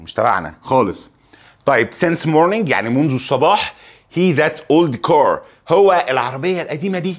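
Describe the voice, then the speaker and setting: A young man with an Egyptian Arabic accent leads an exam review lesson, reading the English examples slowly. He teases his students with joking asides. His voice has a slightly high, breathy edge.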